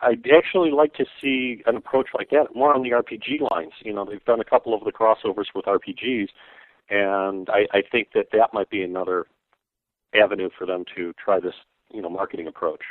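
A man co-hosting a podcast over the phone, talking in a halting, thoughtful way with many fillers. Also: on the low side, steady tone, no room sound. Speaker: podcast co-host. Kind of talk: casual chat. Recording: tinny phone line.

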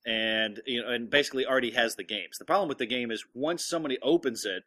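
A man hosting a casual podcast with halting delivery, sounding inside a fishbowl through a headset earpiece in a large room. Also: mid-range voice, pushed and bright. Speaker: podcast host. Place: large echoey room, travelling. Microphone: portable headset earpiece.

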